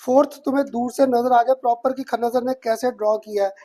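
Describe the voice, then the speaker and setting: A man teaches chemistry in a talkative classroom style, speaking Hindi with English technical terms mixed in and frequently asking if students follow. He has a very high, mellow voice, a steady tone, and a fairly quick delivery.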